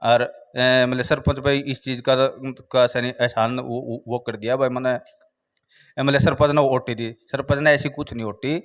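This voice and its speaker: A village head with a Haryanvi accent gives an informal interview account, speaking haltingly and repeating filler phrases. His voice is medium in pitch with a steady tone.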